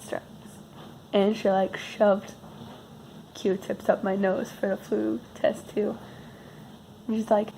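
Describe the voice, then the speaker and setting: Creaky, mellow woman with a sick voice. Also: medium pitch, slight background noise, low-quality recording. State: losing voice while sick. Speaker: vlogger. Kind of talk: casual rambling personal storytelling.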